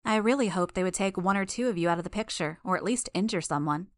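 A woman's voice: mid-range voice, fast, no room sound, studio quality. A woman voicing a smug young female villain who speaks through a hissing gas mask, taunting her foes. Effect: robotic monotone hiss.

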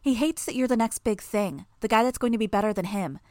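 A woman voicing a sly, fast-talking young female villain who needles and persuades, her voice pitched up. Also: no echo, clean studio sound, natural voice. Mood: taunting.

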